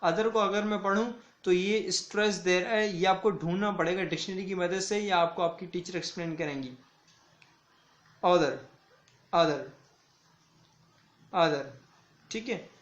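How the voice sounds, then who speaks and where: Male schoolteacher, fairly high voice, slow deliberate drilling of words; echoey room. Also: fairly even intonation, fairly bright tone. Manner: slow, deliberate word-by-word reading and repetition. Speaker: school English teacher. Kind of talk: online classroom lesson.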